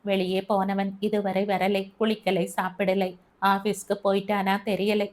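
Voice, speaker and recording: Lady reading as a worried old mom, grumbly and scolding, mid pitch. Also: flat delivery, measured pace, darkish tone, close to an everyday voice. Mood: fretful scolding. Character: fretful older mother, scolding and worried. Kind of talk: storybook narration.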